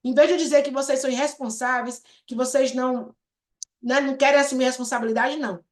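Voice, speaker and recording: A woman with a high voice leads a therapy group over a video call. She talks in a chatty way, turns to the group again and again, and acts out short sample conversations to show her point. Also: fairly even intonation, fast, reverberant. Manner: chatty and warm-hearted, addresses the group often as "gente", acts out example dialogues. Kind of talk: live online group session teaching.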